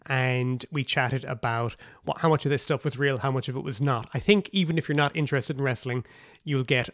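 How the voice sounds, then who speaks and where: A man's voice: medium pitch, a little fast, a bit bright, dry recording. An Irish man introduces his podcast in a casual, chatty manner from a cabin in the woods. His delivery is wry and informal, and the sound is very dry, with little room around it. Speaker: podcast host.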